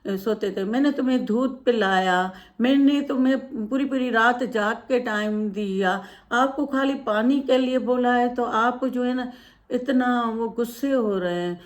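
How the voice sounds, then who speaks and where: A woman voicing a patient, loving elderly mother in a retold moral story, speaking gently and pleadingly. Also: on the high side, measured pace, natural voice. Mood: gentle.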